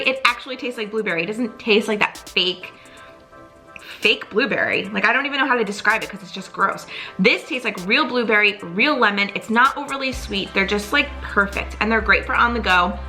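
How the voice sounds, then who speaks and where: Bright-voiced upbeat woman vlogger. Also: a little high. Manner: chatty, upbeat, frequent "like" fillers. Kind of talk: casual product review vlog.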